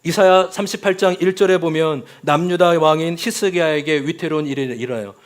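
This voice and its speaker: A man's voice: on the high side, a little fast. A man preaching a Sunday sermon as pastor, often calling out to the congregation and acting out quoted voices.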